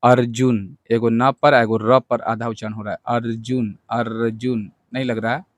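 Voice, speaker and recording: A man's voice: mid-range voice, little pitch movement, no room sound. Patient man teaching spelling, dry sound. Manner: patient and explanatory, repeats words slowly, addresses students directly. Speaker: English teacher. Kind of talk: classroom lesson explaining spelling.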